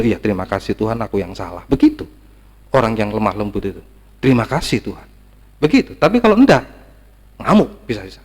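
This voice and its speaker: A man's voice: a little high, big-room sound. A man preaching a sermon, emphatic and repetitive, his voice rising to stressed peaks.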